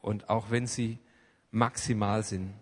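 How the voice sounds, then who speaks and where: A man's voice: fairly low pitch, little pitch movement, takes it slowly, husky. Man preaching with big swings in volume. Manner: swings between hushed asides and loud emphatic outbursts. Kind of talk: sermon. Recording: long hall reverb.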